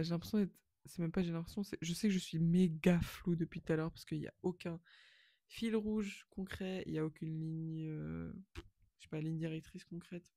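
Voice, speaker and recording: A woman's voice: lowish voice, gravelly, dark tone, dry recording. A woman in her twenties talking to camera in a casual, rambling and self-mocking monologue that slips in English phrases. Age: 20s. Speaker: vlogger.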